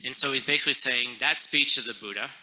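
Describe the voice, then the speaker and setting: A man teaching a class in a relaxed, joking way, correcting himself as he explains a text. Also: mid-range voice, quick pace, low-quality recording.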